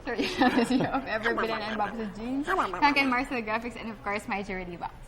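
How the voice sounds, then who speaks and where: A woman co-hosts a sports talk show in a studio, speaking politely and cheerfully. Her voice runs a little high. Loud chatter of people fills the room behind her. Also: normal speed. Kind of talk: casual studio chat.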